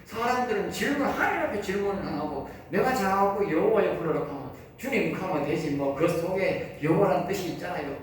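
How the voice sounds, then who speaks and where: A man's voice: high-pitched, a little fast, few pauses. A man with a Gyeongsang Korean accent, a pastor giving a sermon lecture, talking to his listeners in a conversational way and firing rhetorical questions at them. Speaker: pastor teaching at a seminary. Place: church lecture hall. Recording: echoey hall, mic far off, faint noise.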